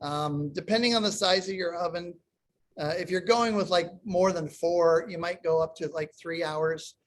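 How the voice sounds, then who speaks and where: A cooking instructor leads a live online demonstration over a video call, explaining each step as he works in a fairly high voice at a moderate pace. The unstable internet connection makes his audio cut in and out with uneven volume, and there is a little hiss or hum.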